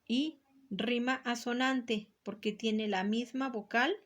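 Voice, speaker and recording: A woman with a Mexican accent gives an unhurried lesson, going through each line of a worksheet. She speaks in a fairly high voice and stops often to count aloud and repeat key terms. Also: fairly even intonation. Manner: slow and patient, repeating and counting syllables aloud. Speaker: teacher. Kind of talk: explaining a poetry worksheet.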